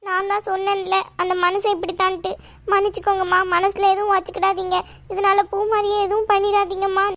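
A woman's voice: extremely high pitch, flat delivery, fairly quick, fairly bright tone. A woman voicing a meek, timid middle-aged wife and mother in a cartoon, pleading and apologetic.

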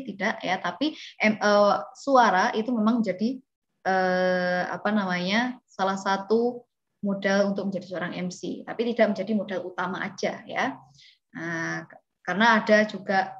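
A woman leads an online lesson on being a master of ceremonies. She explains in a loose, conversational way, full of fillers and questions to the class. Her voice comes through a muffled, lo-fi call connection. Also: mid-range voice. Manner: conversational teaching with many fillers and rhetorical questions. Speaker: MC skills trainer. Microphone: video call.

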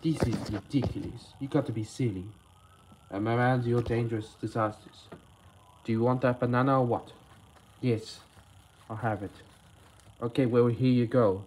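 A man voicing all the characters in a homemade toy animation, with halting, rambling delivery full of word slips. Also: medium pitch, steady tone, a little mellow, slight background noise, rough recording. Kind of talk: homemade toy stop-motion voice acting.

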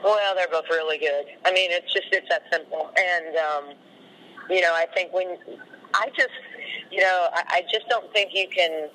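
Bright-voiced woman coach, post-game. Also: lowish voice, normal speed, a little hiss or hum, rough recording. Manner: rambling, full of "you know" fillers. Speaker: head coach. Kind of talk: post-game press interview.

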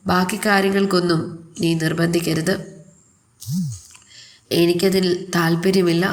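A woman voicing a reserved young husband who speaks quietly and evenly in a storybook reading. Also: on the low side. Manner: quiet, measured, cool.

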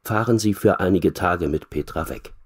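Deep voice, serious private detective, steady, reassuring, read by a man. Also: moderate pace, husky. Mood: calm.

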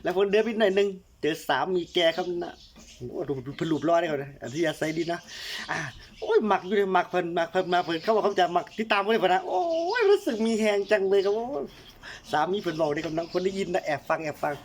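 A man jokes his way through a cooking vlog in a teasing, playful monologue. His voice swoops up and down in lively sing-song. Faint noise with animals and birds drifts in behind him. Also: high-pitched, fast. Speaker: vlogger cooking and joking on camera. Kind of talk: joking casual monologue.

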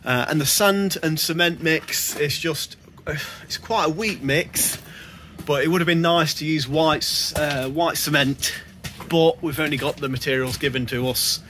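Outdoors on a building site, a young bricklayer talks casually about his job for a vlog, speaking quickly and plainly. His voice is on the high side, pushed and bright, with a little hiss or hum in the recording.

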